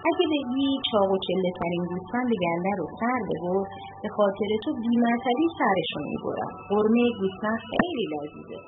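A woman's voice: medium pitch, lively intonation, natural voice. A woman voicing a poor, simple shepherd praying fervently in homely words, on a narrow phone-like recording with music behind. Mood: devoted. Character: poor simple shepherd man, devoted and naive.

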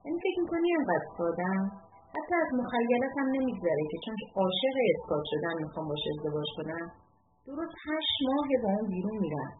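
A woman voicing an upset, indignant young woman in a read-aloud story, with high, shrill protests. The recording is tinny, with music behind. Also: big pitch swings, reverberant, background noise, lightly acted.

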